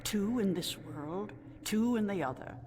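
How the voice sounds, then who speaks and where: A woman playing a sweet, gentle old female storyteller of a non-human tribe in a video game, speaking in a measured way. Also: medium pitch, animated, natural voice. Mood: wistful, reverent. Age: older. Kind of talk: scripted video game dialogue. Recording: echoing hall reverb, clear background noise.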